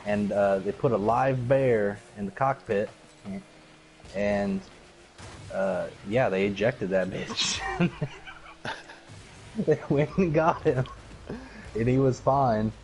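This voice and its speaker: A man's voice: fairly low pitch, slow, long pauses, darkish tone. A man chatting casually while playing a video game, rambling and filling his talk with "like". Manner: rambling, heavy use of "like" fillers. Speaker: gaming video co-host.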